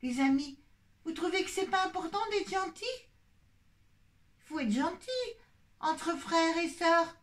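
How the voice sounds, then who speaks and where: A woman puppeteer voicing a sweet, polite little boy bear in a children's puppet show, in a soft childlike voice. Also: very high voice, expressive, a little slow, pauses often, far from the mic, voice pushed up. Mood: earnest.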